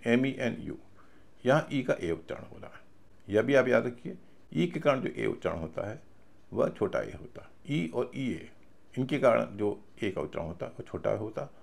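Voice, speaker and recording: A man's voice: mid-range voice, vocal fry, darkish tone, slightly rough. A man teaching English pronunciation in a video class, talking patiently and methodically and spelling out words letter by letter. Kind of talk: video lesson lecture.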